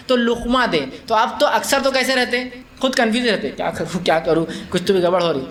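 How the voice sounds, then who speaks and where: An Islamic preacher lectures a live gathering on religion in a high, fairly bright voice. His manner is conversational: he questions the audience, blends in English words, and acts out short scenes and quotations while laughing.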